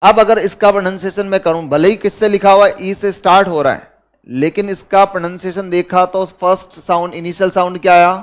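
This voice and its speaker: A man with a high voice and an Indian accent lectures a class, constantly posing rhetorical questions to his students. His voice comes through smooth and clear. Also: steady tone, a little fast. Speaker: teacher.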